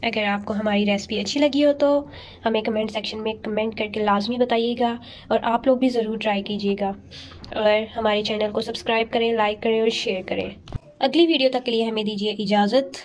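A woman host walking viewers through a home recipe with calm, polite, step-by-step instructions. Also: on the high side, fairly quick, slight background noise. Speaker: cooking channel host.

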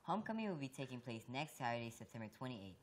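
A teenage student news anchor reading school announcements in a brisk, matter-of-fact way. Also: female voice, rumbling low, sing-song, a little hiss or hum. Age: teens.

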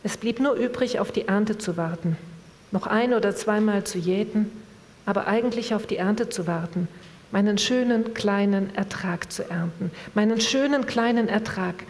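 A woman reading from a novel in a measured, expressive way, then asking an author a question at a public reading event. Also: medium pitch. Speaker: reader and moderator. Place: event hall. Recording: long reverb of a hall.

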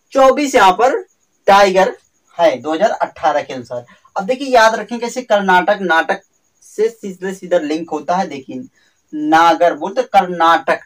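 A man's voice: high-pitched, distant mic, poor audio. A man teaching a general-knowledge exam lesson, explaining memory tricks with repetitive, sing-song emphasis and calling his viewers friends. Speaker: quiz teacher.

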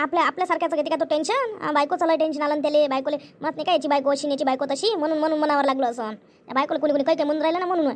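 A woman tells a family story in a chatty way. She repeats herself often, reassures the others and gossips about the family. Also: high voice. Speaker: storyteller voicing family members. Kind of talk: conversational family skit.

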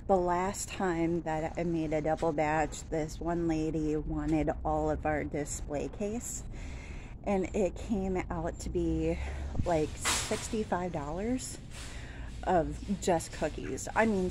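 Outside a store in daytime, a vlogger in her thirties films herself on a phone at arm's length, and traffic can be heard. Her voice sits low and steady at a slow pace as she chats casually on her walk-and-talk vlog, rambling with many fillers and restarts.

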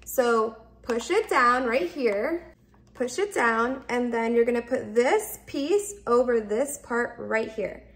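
Taking it slowly, a woman in her thirties who reviews products demonstrates one casually at home, in an open kitchen and dining space. Her voice is fairly high and often slips into vocal fry, and she explains every step plainly, tending to repeat herself.

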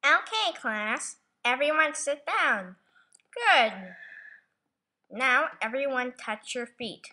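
A woman's voice: high-pitched, very animated, slow pace, pushed and bright, full character voice. A woman voicing a bossy droid gym teacher who leads a class in a homemade toy video. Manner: bossy, sing-song, drawn out.

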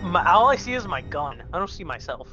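A man's voice: sits high, very animated, brisk, bright, forceful tone. A young man in casual gaming chat with friends, crude and teasing. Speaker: gamer playing with friends. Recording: muffled voice chat over game music.

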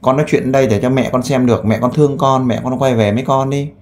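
A man who works as a volunteer interviewer. He asks gentle, coaxing questions and makes an earnest appeal with frequent fillers. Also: mid-range voice, fairly even intonation, fast talker. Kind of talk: on-the-spot interview and appeal to camera.

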